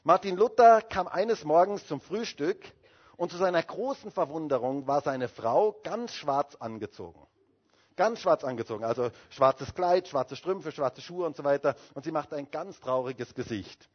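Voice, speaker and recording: A male pastor preaches in a fairly high voice, stressing his points and putting rhetorical questions to the congregation. The recording is dull and lo-fi, like an old sermon tape from a church. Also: lively intonation, moderate pace, slightly rough.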